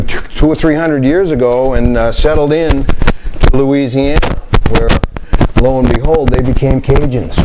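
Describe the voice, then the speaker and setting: A man hosting a cooking video, talking through a recipe in his kitchen in a halting, meandering way. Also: mid-range voice, very noisy. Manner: halting, meandering, searches for words. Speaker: cooking show host demonstrating recipes. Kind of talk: unscripted cooking demonstration. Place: home kitchen indoors.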